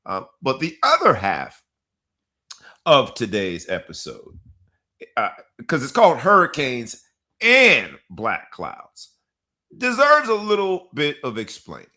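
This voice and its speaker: A man's voice: mid-range voice, wildly swooping pitch, slow pace, sharp tone. A man hosting a sports talk podcast, hyping the intro with dramatic announcer-style delivery. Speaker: podcast host.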